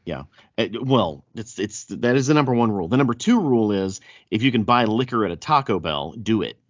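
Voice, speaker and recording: A man's voice: lowish voice, lively intonation, a little fast. A man with a thick Southern US accent hosting a casual podcast chat, often stammering and repeating words as he goes. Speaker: podcast host. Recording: dull, roomy echo.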